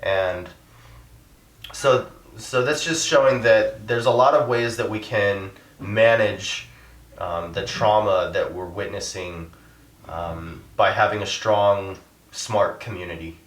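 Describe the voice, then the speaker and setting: Halting activist interviewee, man, low voice, choked up, recorded from a distance in an echoey room. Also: a bit bright. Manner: halting, many fillers, voice rising when upset. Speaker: interviewee, animal rights activist. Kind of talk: emotional interview.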